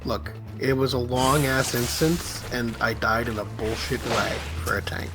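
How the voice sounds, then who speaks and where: A man's voice: medium pitch, little pitch movement, a little slow, music in the background. A man in casual, joking gaming chat, swearing freely as he comments on play. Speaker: gamer playing and commenting.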